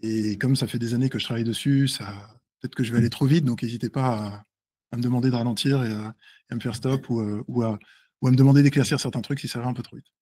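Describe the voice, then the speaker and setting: A man in his forties giving a live seminar talk, hesitant, with many fillers and restarts, tending to speak fast and checking in with his listeners. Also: medium pitch, steady tone, warm tone. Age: 40s. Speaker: seminar presenter and author.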